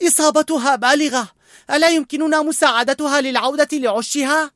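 A man voicing an eager, chatty young boy scout in a storybook reading, speaking high, loud and earnest. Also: fairly even intonation, a little fast, dry recording, studio quality. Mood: panicked.

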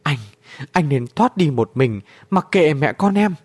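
A man's voice: a little high, lively intonation, measured pace. A man voicing a desperate pleading young mother. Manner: pleading, sobbing. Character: young wife just after childbirth, desperate and grieving.

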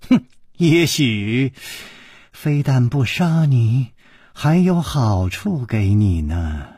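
A male storyteller voicing a cold, menacing older male villain who speaks low and hushed with a threatening edge. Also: extremely slow, husky, no echo, studio quality. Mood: cold menace. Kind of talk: traditional storytelling performance.

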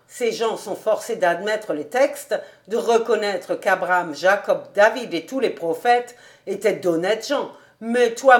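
A woman's voice: medium pitch, natural voice. Woman doing an old rabbi, heated and exclaiming. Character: old male rabbi, fond, indignant.

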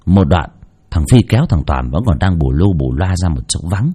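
Husky, mellow male storyteller. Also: low-pitched, normal speed. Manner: expressive, mocking asides. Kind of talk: scripted narration of a spooky folk story.

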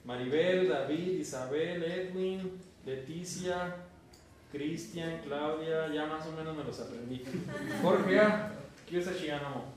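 A man from northern Mexico with a northern Mexican accent, teaching a class, joking and calling on students by name while repeating sounds slowly. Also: fairly high pitch, recorded from a distance, a little hiss or hum. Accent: northern Mexican Spanish. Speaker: Esperanto teacher. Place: university classroom. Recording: very echoey classroom taped from afar.

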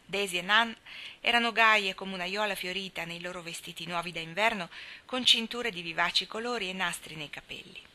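A woman reading a classic novel aloud in a measured storytelling way. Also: medium pitch, bright, forceful tone. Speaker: reader. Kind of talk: audiobook narration of a classic novel.

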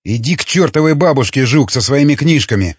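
A man's voice: medium pitch, animated, fairly quick, husky, dry recording. A man voicing a foul-mouthed touchy survivor. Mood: grumbling. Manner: crude, threatening. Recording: dull lo-fi recording.

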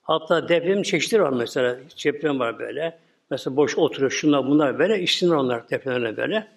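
A man's voice: mid-range voice, animated, fast, vocal fry. An older man, giving a rambling religious sermon that keeps trailing off into mumbled repeats. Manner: rambling, repeats filler words, drops to mumbles. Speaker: Islamic preacher.

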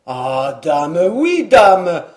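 The reader doing Joson, a loud rustic lad. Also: mid-range voice, sing-song, very slow. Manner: rustic dialect, loud exclamations. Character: rough peasant lad, bold and boastful. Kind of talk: audiobook reading.

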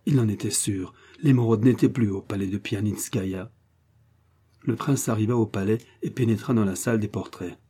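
A man narrating an adventure novel in a steady, measured storytelling voice. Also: lowish voice, husky. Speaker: audiobook narrator.

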